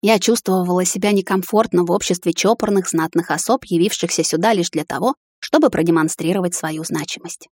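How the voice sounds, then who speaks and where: A woman narrating a first-person fantasy romance audiobook in a quiet, even manner. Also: lowish voice, a little fast, hardly any pauses, slightly rough, dry recording, clean studio sound.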